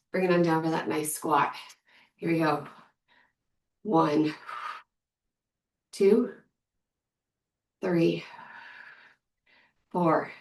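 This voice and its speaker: A woman leading a casual workout class, counting reps and repeating short, encouraging cues. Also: lowish voice. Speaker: fitness instructor leading a workout. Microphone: distant from the speaker. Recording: echoey room, distant microphone.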